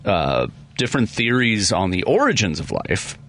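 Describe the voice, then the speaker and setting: A man's voice: lowish voice, sing-song, moderate pace, fairly bright tone. A man hosting a talk radio show, talking casually in an easygoing way.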